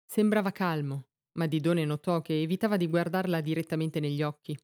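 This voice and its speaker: A woman narrating a story in a measured, expressive reading. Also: low-pitched.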